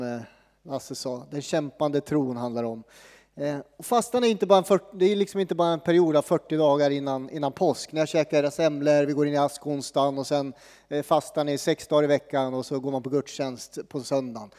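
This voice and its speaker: A man giving a sermon as pastor, casual and joking, with frequent pauses and fillers. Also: a little high, a little mellow, big-room sound.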